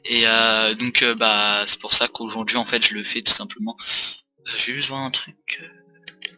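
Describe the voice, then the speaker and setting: A man's voice: on the low side, little pitch movement, moderate pace, pushed and bright, soft background music. A tired man rambling through casual gaming commentary with many hesitations, recorded on a desk mic for a facecam. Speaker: let's play host.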